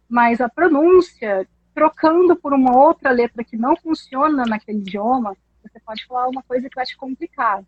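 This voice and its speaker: A woman, an English teacher explaining pronunciation in a casual chat, animated and laughing often. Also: high voice, husky, no room sound, dull audio.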